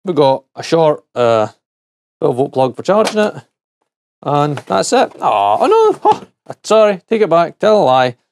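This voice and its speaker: With slight background noise behind him, a middle-aged gadget reviewer jokes and chats to himself while testing and pulling apart a product. His pitch is fairly high and his tone darkish, with lively intonation and an unhurried pace.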